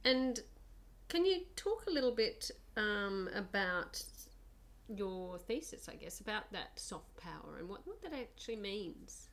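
A woman's voice: mid-range voice, very animated, measured pace, fairly bright tone. A woman hosting a podcast interview, introducing her guest and asking encouraging questions. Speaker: podcast host.

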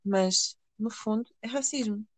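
Animated woman co-host, dry close sound. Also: medium pitch, no room sound. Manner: animated, emphatic, quick to react. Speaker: podcast co-host. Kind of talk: casual conversation.

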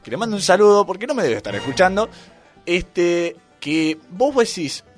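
A man's voice: high-pitched, normal speed. A man with an Argentine accent, a volleyball player and YouTuber, joking and telling stories as a guest in a radio interview. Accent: Argentine Spanish. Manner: joking, animated storyteller. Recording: radio studio with faint music.

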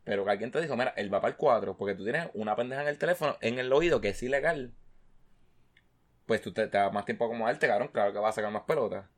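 Animated man telling stories. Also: mid-range voice, quick pace. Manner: animated storytelling, constant swearing, mimics players. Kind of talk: casual chat.

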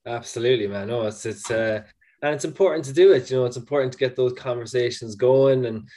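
A man's voice: medium pitch, fast, dark tone. A man with a west of Ireland accent from County Mayo, talking casually and reflectively as an interview guest. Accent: Irish, County Mayo. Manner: reflective, conversational, peppered with "you know" and "man". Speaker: podcast guest. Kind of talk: casual interview, personal storytelling.

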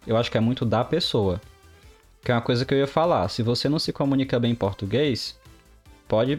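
Male co-host, animated storyteller, medium pitch. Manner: animated storyteller, mimics others' phrasing. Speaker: podcast co-host, developer. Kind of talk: casual podcast chat.

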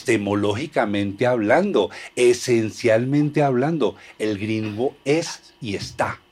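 A man's voice: mid-range voice, unhurried, a little mellow, husky. A man with a Colombian accent in casual conversation, explaining ideas in a mock-philosophical way and acting out little quotes.

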